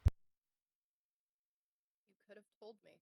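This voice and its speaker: A woman reading one character's lines of a visual novel and chatting quietly on stream. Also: takes it slowly, dry recording, low-quality recording. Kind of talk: casual let's-play reading and chat.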